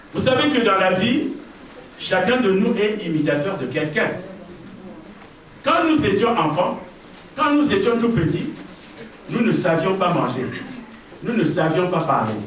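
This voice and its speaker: A male pastor preaches in a high, animated voice that swings widely. He presses his points by repeating phrases and calls out to the congregation. The sound is heavily echoey, picked up from far off in a church with a faint hiss. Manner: emphatic, repeats key phrases, addresses congregation directly. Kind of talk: sermon. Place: church hall.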